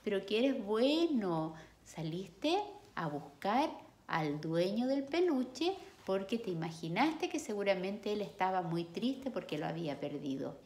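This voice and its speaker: A woman voicing a cheerful, kind little girl who owns a dog, speaking brightly in a storybook reading. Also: mid-range voice, very animated, a little slow. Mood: tender. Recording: echoey room.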